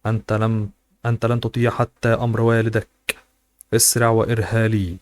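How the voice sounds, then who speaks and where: Man reading a scornful patriarch, low and flat. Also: a little fast, lightly acted. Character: scornful older patriarch Hani, harsh father.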